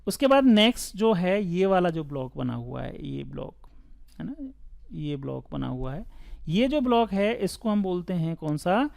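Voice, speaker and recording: A man's voice: high-pitched, expressive, moderate pace, gravelly, a little mellow. A man teaching chemistry at a board in a casual, chatty way, asking the class questions and answering them himself. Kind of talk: board lesson.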